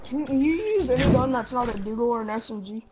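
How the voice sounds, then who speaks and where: A woman's voice: on the high side, animated, fast. A woman in casual game chat, argumentative and complaining as she plays. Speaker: gamer on voice chat. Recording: very noisy game audio with gunfire. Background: loud gunfire and clicks from video game.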